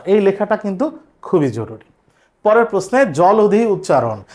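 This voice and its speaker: High-voiced man teaching exam prep. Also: darkish tone. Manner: explains step by step, repeats words slowly for pronunciation.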